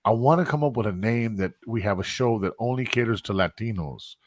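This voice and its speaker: A man hosting a podcast in casual chat, lively, often cutting in and repeating himself. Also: fairly low pitch, fairly quick, dry recording, clean studio sound. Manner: animated, interrupts and repeats himself. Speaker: podcast host. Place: live stream studio.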